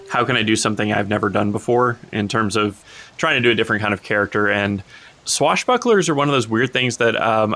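A man's voice: lowish voice, pushed and bright. A man on a tabletop game podcast who talks eagerly at length, with many restarts. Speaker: podcast co-host and player. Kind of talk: casual podcast chat.

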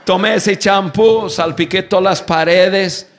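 A man telling funny personal stories in a talk to an audience, acting out shouts and laughing as he goes. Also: high voice, unhurried. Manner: animated storyteller, acts out shouts and laughs. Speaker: speaker on communication.

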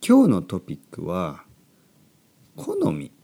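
A man hosts a language-learning podcast in very simple, conversational sentences. He takes his time, with a lively, swooping pitch and a soft-edged, mellow tone. Key words come back again, reworded for learners. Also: slow pace, vocal fry. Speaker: podcast host for learners of Japanese.

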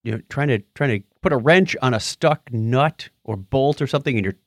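Telling stories and reading listener comments aloud, this man co-hosts a podcast in a relaxed, playful way. He speaks fairly quickly in a mid-range voice, and the clean studio sound has no echo.

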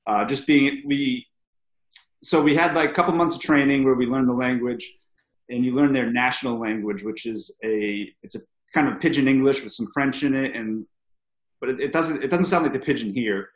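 Relaxed chatty man, roomy sound. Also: mid-range voice, normal speed. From Rhode Island, USA. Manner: relaxed, rambling storyteller. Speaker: podcast guest. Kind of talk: casual chat.

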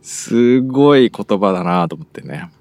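A podcast host chats casually in a lowish, gravelly voice at a fairly quick pace. He sounds relaxed, nodding along with frequent short murmured backchannels, and the recording is dry.

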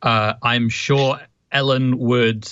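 A man's voice: mid-range voice, fairly even intonation, takes it slowly, a bit bright, no echo, highs cut off. A British man giving casual commentary as a guest, hesitant and dryly sarcastic.

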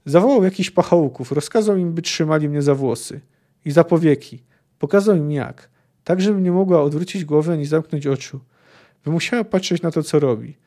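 A man reading aloud the hollow, flat lines of a traumatized young woman recounting torture from a novel. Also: on the high side, fairly quick, natural voice. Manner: hollow, flat book quote read aloud.

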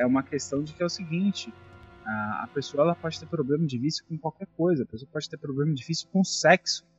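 Indignant, swearing Brazilian man. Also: fairly high pitch. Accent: Brazilian Portuguese. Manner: profane, indignant storytelling. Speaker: podcast host. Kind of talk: casual chat. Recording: dull lo-fi audio, faint music.

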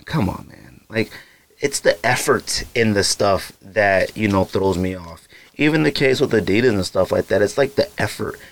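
On his solo podcast, a young man talks casually at normal speed in a fairly low voice, wandering off into asides and using lots of fillers.

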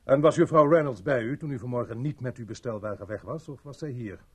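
A man's voice: mid-range voice, fast talker, darkish tone, breathy edge, lightly acted. A man playing a stern police sergeant. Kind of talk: dubbed film acting.

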